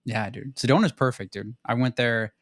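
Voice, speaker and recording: A man's voice: mid-range voice, moderate pace, a bit bright, no echo. Laid-back young man, dry close sound. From southern Arizona. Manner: laid-back, says "dude" and "like" constantly. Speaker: podcast host. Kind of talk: casual conversation.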